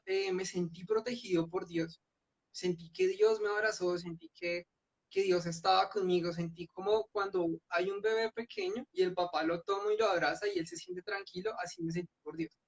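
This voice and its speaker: A man's voice: high voice, normal speed, creaky. A young man giving an earnest personal testimony at a church youth meeting, telling his story with frequent restarts. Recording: dull lo-fi sound.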